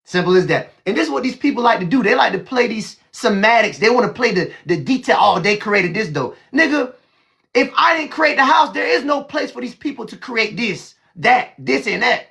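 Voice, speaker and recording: A man's voice: very high voice, lively intonation, normal speed, gravelly, pushed and bright. A man hosting a heated live call-in discussion, brash and mocking, swearing freely and cutting callers off. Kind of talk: heated live panel talk.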